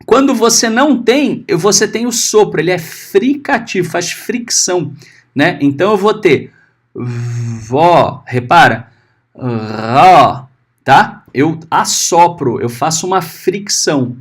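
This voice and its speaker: A high-pitched man gives a recorded class. His voice rises and falls a lot, and he talks slowly. He sounds out each syllable with care and keeps checking that his students are following. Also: expressive, breathy edge. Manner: patient, often checking understanding with short tags. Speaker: Hebrew teacher.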